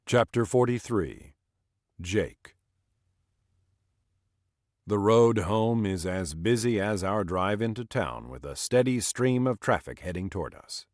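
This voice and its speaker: A man's voice: lowish voice, expressive, takes it slowly, pauses often, no echo, clean studio sound. A man narrating an audiobook in scripted style, voicing the dialogue with small shifts for each character.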